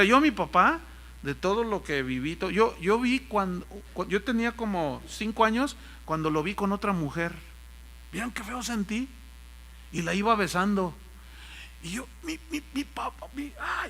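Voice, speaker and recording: An older man preaches with a Mexican accent, his voice pitched high and ringing very bright. He tells homely stories in his sermon and acts out the people in them. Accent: Mexican Spanish. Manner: folksy storytelling, mimics voices in anecdotes. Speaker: pastor.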